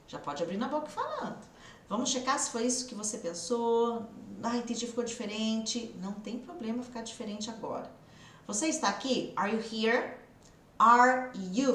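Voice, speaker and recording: Lively São Paulo countryside teacher woman. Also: a little high, echoey room, far from the mic. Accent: São Paulo countryside Brazilian Portuguese. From interior of São Paulo state, Brazil. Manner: lively, coaxing, drills students with questions. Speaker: English teacher. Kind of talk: online English lesson.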